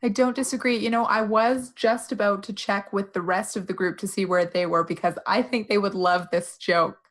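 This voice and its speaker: Young woman, player, medium pitch, dry, sarcastic, in-character. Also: fairly even intonation, normal speed. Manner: dry, sarcastic, playing along. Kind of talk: in-character tabletop play.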